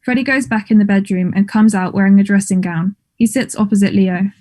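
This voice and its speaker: A woman reads the stage directions of a play script aloud for a table read. Her voice is mellow and mid-pitched, her tone steady, and her pace a little fast.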